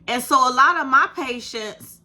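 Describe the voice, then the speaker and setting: A YouTube creator in her fifties speaks straight to camera in a casual, encouraging, animated way, calling viewers "baby" and asking "you hear me". Her voice is soft, sits high, and moves at a normal speed.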